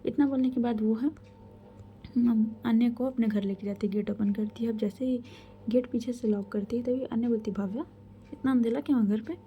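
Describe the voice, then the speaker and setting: A woman's voice: fairly high pitch, fairly even intonation, moderate pace, lo-fi sound, slight background noise. A woman storyteller narrating a love story in a chatty, casual way, often half-whispering and addressing the listener directly.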